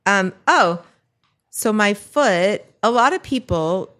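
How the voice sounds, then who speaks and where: A middle-aged woman co-hosting a podcast, chatting casually and acting out the people in her stories with lively voices. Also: mid-range voice, slow pace. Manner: animated storyteller who acts out the people she describes. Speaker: podcast co-host. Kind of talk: casual chat.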